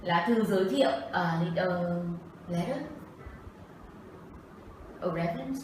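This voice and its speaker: A woman's voice: medium pitch, measured pace, a little mellow, distant mic, slight background noise. A woman with a Vietnamese accent co-hosting a livestream English lesson, explaining phrases and asking the audience questions. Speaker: co-host and interpreter. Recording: echoey room, off-mic.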